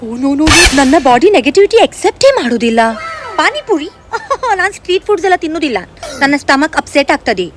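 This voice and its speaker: A woman's voice: high-pitched, sing-song, quick pace, a little hiss or hum. A woman playing a vain, fussy, overly sensitive young woman in a comedy sketch, talking in an affected, dramatic way and mixing English in. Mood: prissy, dramatic.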